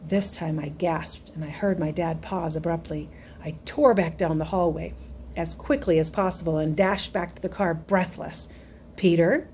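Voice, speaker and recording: A woman reads a first-person story aloud in an even, storytelling manner. Her voice sits fairly low, with a faint hiss behind it. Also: normal speed. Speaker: audiobook narrator. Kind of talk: first-person audiobook narration.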